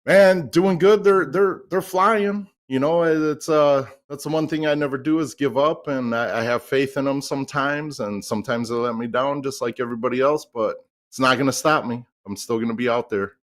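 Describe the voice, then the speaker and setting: A man's voice: medium pitch, fairly even intonation, brisk, no room sound, studio quality. A man co-commentating on a darts match in a casual, folksy, self-deprecating way. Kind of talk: casual chatty sports commentary.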